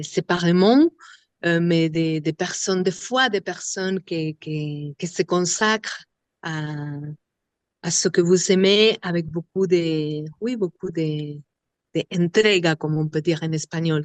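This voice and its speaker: A woman from Argentina with an Argentine Spanish accent, a Spanish native speaker, talking slowly in an interview about her vocal workshops and searching for words often. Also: on the low side, no room sound. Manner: halting, searching for words, many fillers. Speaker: singer and vocal workshop leader.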